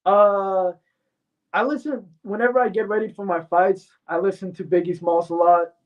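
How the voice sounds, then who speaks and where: Blunt fighter on a tinny far line. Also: male voice, high voice, steady tone, normal speed. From Mexico. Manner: blunt, confident, hesitant fillers. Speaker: MMA fighter guest. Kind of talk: casual interview answers. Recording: tinny phone-like sound from far off.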